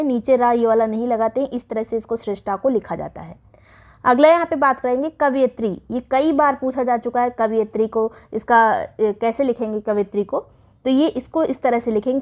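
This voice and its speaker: A woman teaching an exam-prep Hindi spelling lesson. She explains each word slowly and repeats the right and wrong forms. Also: a little high.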